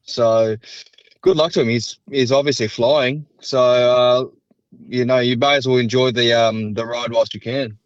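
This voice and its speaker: Aussie bloke rambling about the races, lots of ums, kinda muffled dry recording. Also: male voice, medium pitch, steady tone, a little slow, smooth, no room sound. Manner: rambling, hedging, lots of fillers. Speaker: racing podcast co-host. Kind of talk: casual chat. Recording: slightly dull, dry sound.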